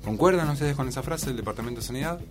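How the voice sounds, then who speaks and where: A man's voice: medium pitch, lively intonation, racing. Male radio host over music. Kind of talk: casual radio discussion.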